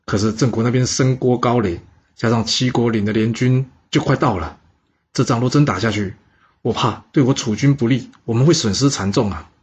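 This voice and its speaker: A man voicing a worried, husky young general. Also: medium pitch, brisk. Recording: dull lo-fi recording.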